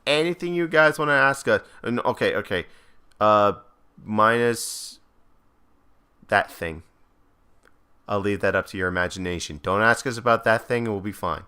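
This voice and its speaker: Male podcast co-host; giggly, rambling, hiccuping, with a bright, smooth voice. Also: on the low side, normal speed, pauses often. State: hiccuping, hungry. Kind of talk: casual couples podcast chat.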